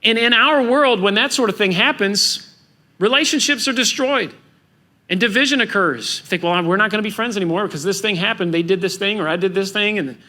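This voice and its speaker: A man preaching a sermon as pastor, animated and acting out the voices of biblical figures. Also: sits high, a little fast.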